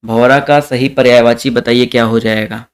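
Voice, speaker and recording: A man's voice: medium pitch, steady tone, normal speed, clean tone. A young man teaching a live online exam-prep class, reading questions aloud, repeating them and calling out the answers to his viewers.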